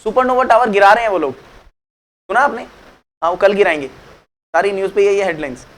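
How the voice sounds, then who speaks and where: Man teaching accounts, high voice, chatty lecture, asks and answers his own questions, mixes in english. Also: animated, fast talker, fairly bright tone. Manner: mixes English phrases into Hindi; calls students "beta" affectionately. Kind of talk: classroom lecture.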